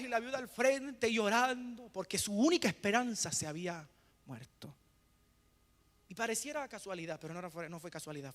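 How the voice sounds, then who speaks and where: A male pastor preaching a sermon, asking rhetorical questions and pausing for the congregation to fill in the answer. He swings between hushed lines and loud, emphatic bursts. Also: high-pitched, long reverb tail. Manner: preaching with rhetorical questions and call-and-response pauses.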